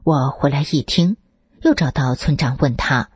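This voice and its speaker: A woman reading a first-person account as scripted narration, lifting her pitch for quoted speech. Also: normal speed, darkish tone, breathy edge, no echo. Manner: reads steadily, lifts the pitch for quoted speech.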